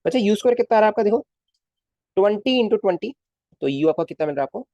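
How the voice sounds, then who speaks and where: A man's voice: high voice, lively intonation, racing, mellow, dry recording, muffled recording. A male physics teacher in a casual live class, coaxing his students with constant questions and calling them kids. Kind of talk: live online class lecture.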